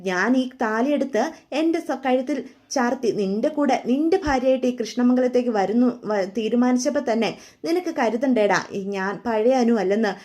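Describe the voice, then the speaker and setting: A woman's voice: fairly high pitch, normal speed, a little mellow, lightly acted. A woman voicing a defiant, scheming young wife who taunts her husband and fakes tearful distress. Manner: taunting, then wailing in mock distress.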